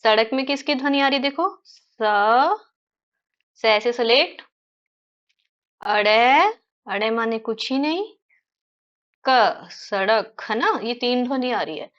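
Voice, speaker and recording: A woman teacher explaining word sounds to young children, repeating each word slowly and checking in with them often. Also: on the high side, a bit bright, highs cut off. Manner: slow, stretched-out repetition of words; frequent tag questions to children. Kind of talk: children's phonics lesson.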